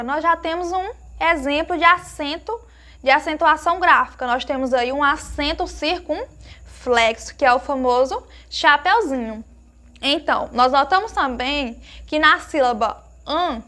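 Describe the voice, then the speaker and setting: A high-voiced woman teacher gives a lesson to young children, slowly and emphatically sounding out every word she explains. She uses warm diminutives and asks the pupils questions.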